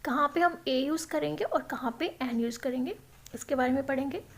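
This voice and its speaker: A woman's voice: high voice, a little fast. A woman teaching English grammar, explaining in a classroom style and asking and answering her own questions.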